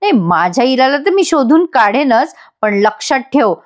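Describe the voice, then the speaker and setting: A woman's voice: high voice, sing-song, moderate pace. Woman reading a furious threatening mother. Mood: accusing, threatening. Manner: accusing, threatening. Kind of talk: dramatic reading of serial dialogue.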